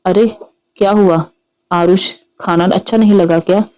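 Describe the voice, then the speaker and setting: A woman's voice: mid-range voice, fairly even intonation, unhurried, darkish tone, lightly acted, rough recording. A woman voicing a playful, teasing young man in love in a read-aloud story. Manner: teasing, mock-innocent.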